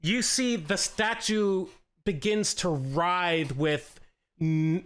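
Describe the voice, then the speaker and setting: A man's voice: on the high side, fairly bright tone, smooth. A man narrating a tabletop game as game master, with frequent stuttered syllables.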